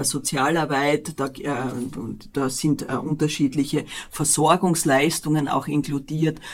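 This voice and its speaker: A city official with an Austrian accent answering interview questions, hesitating often with fillers. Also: mid-range voice.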